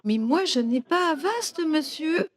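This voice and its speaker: Woman doing a distraught caller, high voice, rambling, pleading, flustered. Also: expressive, a little slow. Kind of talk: prank phone call.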